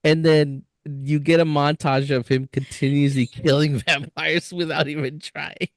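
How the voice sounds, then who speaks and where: A man's voice: a little high, fairly even intonation, measured pace, no room sound, clean studio sound. A man co-hosting a podcast in casual chat, talking eagerly with slang and easy laughter. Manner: enthusiastic, says dude and freaking, laughs easily. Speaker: podcast co-host.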